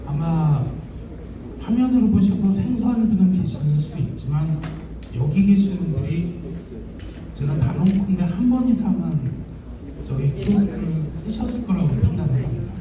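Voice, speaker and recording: A company chairman with a sore throat gives a formal, polite, explanatory business presentation to an audience at an event venue, addressing the public. His male voice is high-pitched with lively intonation and a moderate pace. The recording is distant and noisy, in a very echoey hall.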